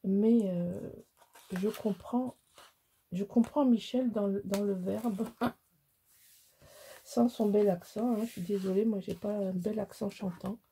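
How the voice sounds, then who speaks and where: A woman's voice: mid-range voice, fairly even intonation, takes it slowly, dark tone, breathy edge. A middle-aged woman from Alsace, chatting casually through a crafting tutorial, rambling and self-mocking with many restarts. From Alsace, France. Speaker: scrapbooking crafter.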